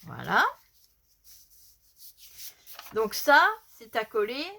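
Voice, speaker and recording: A woman presents a hands-on craft tutorial in a fairly high voice. She takes her time, explaining each step and going back over it. A slight lisp gives her s sounds a slushy sh edge. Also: very animated, very slow, gravelly, pushed and bright. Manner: explanatory, repeats measurements and instructions.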